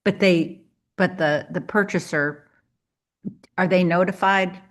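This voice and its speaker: A woman's voice: lowish voice, fairly even intonation, takes it slowly. A woman committee member asking puzzled, probing questions.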